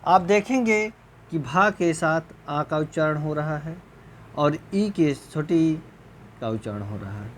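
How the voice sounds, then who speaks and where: A man teaching a recorded exam-prep grammar lecture, repeating points slowly, often clearing his throat, and checking whether students understood. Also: animated, a little hiss or hum. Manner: slow, repetitive, checks understanding with rhetorical questions; voice drops low at the end of answers. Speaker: Hindi teacher.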